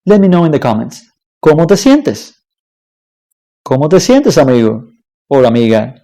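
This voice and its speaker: Slow, lively-voiced language teacher. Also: medium pitch. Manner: slow, deliberate, checks in with "okay?" and "right?". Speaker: Spanish teacher. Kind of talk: online language lesson.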